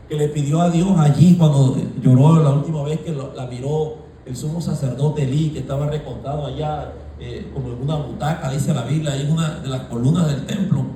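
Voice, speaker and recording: A male pastor preaching a sermon, shouting at peaks and dropping into casual asides. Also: fairly high pitch, a little hiss or hum. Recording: echoey room, voice from far off.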